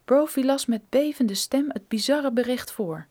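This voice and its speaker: A woman reading a thriller audiobook in a steady, measured storytelling manner. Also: sits high. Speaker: narrator.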